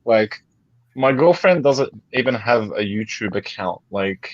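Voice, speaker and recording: A man's voice: mid-range voice, expressive, a little slow, dry recording. Joking man chatting on a live call. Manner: joking, laughs often, talks while eating. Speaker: YouTuber on a live chat. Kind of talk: casual live-stream chat. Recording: slightly dull call audio, faint noise.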